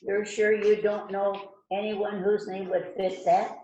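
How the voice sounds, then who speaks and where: A woman's voice: mid-range voice, level tone, measured pace, warm tone, muffled recording, a little hiss or hum, close to an everyday voice. A woman reading the part of a polite, methodical police detective in an amateur mystery play rehearsal. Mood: methodical, questioning. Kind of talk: amateur readers theater rehearsal, script reading. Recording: echoey room, distant mic.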